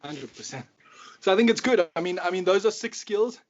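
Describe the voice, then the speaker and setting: With a high-pitched, animated voice moving a little fast, a South African man acts as a football coach in an easygoing interview. He's effusive and chummy, calling the guest "bro" as he encourages him. The audio is dull and lo-fi, with clear noise.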